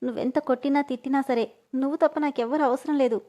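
A woman's voice: fairly even intonation, fast talker, warm tone, close to an everyday voice. A woman voicing a pouting, emotional young wife. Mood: pleading. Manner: pleading and pouting, raises pitch when upset.

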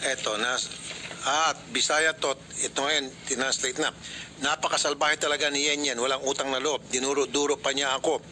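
Bright-voiced man mediating, firm and lecturing. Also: medium pitch, fairly even intonation, moderate pace, a little hiss or hum. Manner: firm, lecturing, interrupts often. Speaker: host mediating a complaint. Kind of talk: public affairs radio mediation.

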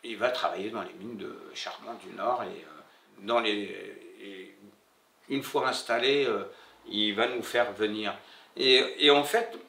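A middle-aged Moroccan bookseller, who learned French only after moving to France, reflects on his own life in an interview, halting often, pausing, repeating himself as he searches for words. His voice is fairly low, creaky and sharp. He sits in an indoor room with a bare wall, recorded with roomy echo on a slightly distant mic.

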